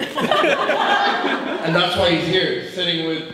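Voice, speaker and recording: A man's voice: high-pitched, big pitch swings, slow pace. A man giving a comic best man's wedding toast, rambling, giggly and flustered, in an echoey hall with a noisy crowd, far from the mic. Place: large reverberant room at wedding reception. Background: loud wedding crowd.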